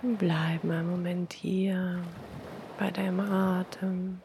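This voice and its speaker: Hushed, very slow woman guiding a meditation. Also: lowish voice, level tone, a little hiss or hum. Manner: hushed, breathy near-whisper, soothing, long pauses. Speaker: hypnotherapist leading a guided meditation. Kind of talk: soft, slow guided meditation, like a sleep story narrator.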